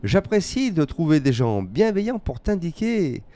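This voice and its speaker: A man narrating his road trip in voice-over, relaxed and reflective, with wry remarks aimed straight at the viewer. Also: a little high, unhurried. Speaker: motorcycle vlogger.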